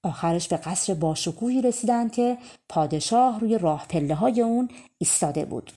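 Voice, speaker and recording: Mellow woman reading a fairy tale. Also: mid-range voice. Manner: calm, measured storytelling. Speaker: audiobook narrator. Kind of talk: storybook narration.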